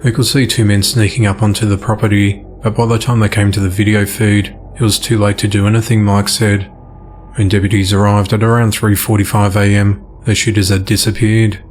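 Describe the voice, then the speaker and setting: A man reading crime news from a script in an even newsreader delivery. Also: on the low side, a little hiss or hum. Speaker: news reader.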